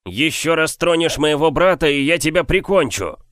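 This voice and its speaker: A man voicing a drunk young male warrior shouting in a rage at a giant. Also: on the high side, animated, fairly quick, no room sound, studio quality, pitched above the performer's own voice. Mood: threatening. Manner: shouting, enraged.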